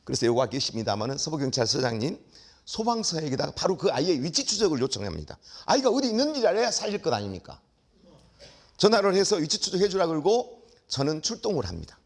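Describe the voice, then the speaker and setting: A middle-aged man tells a story to an audience, acting out each exchange with raised, vivid delivery. His voice is slightly husky and sits a bit high for a man, and his pitch leaps about widely. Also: quick pace. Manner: animated, acts out dialogue with shouts. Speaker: lecturer. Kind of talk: dramatic storytelling lecture.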